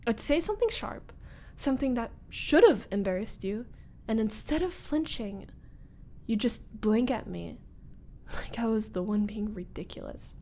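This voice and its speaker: A woman voices a former school bully turned anxious roommate, a teasing young character, in close-up ASMR roleplay. Her slightly high, animated voice has a dark tone, and she sounds frustrated and accusing. She speaks haltingly and breathily, sometimes dropping to a whisper.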